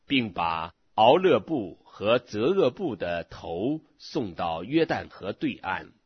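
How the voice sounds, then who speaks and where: A low-voiced man reads scripture slowly and deliberately, his husky voice rising and falling in lively swings of pitch. The recording is dry and close, with a dull lo-fi sound. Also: no echo. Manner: slow, measured reading. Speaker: scripture reader. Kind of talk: scripture reading.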